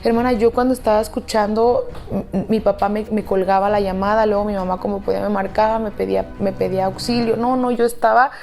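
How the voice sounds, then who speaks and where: A woman with a Mexican Spanish accent narrates a storytime in a confiding, dramatic tone, speaking to the listener like a close friend. Her voice sits at an ordinary middle pitch, with soft music faintly underneath. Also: steady tone, quick pace, creaky. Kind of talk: storytime narration over slime video.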